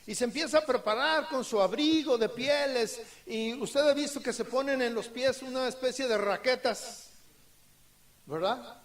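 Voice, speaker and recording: Very high-voiced pastor. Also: male voice, normal speed. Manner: storytelling, acting out dialogue. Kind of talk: sermon.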